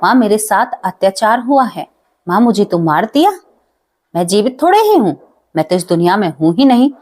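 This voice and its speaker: A woman's voice: mid-range voice, big pitch swings, normal speed, a little mellow. A woman voicing the spirit of a murdered husband who speaks through his grieving wife's body, anguished and insistent. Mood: anguished pleading.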